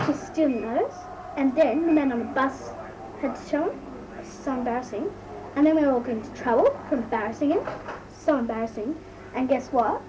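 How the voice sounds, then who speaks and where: Her voice sits high as she performs an amateur comic impression of a bratty Australian schoolgirl "mole," a gossipy teenager. She relates slangy, embarrassed stories in a breathless drawl, and the amateur recording is noisy, picked up from a distant mic.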